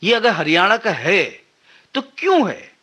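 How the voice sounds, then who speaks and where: A man's voice: high voice, huge pitch swings, measured pace, bright, forceful tone, breathy edge. A male film actor, a guest on a radio interview, explaining his craft at length and acting out snatches of dialect.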